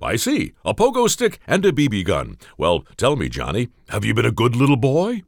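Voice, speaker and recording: A man voicing a hearty Santa Claus with a booming laugh. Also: huge pitch swings, moderate pace, gravelly, no room sound, studio quality, heavily acted. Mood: jolly.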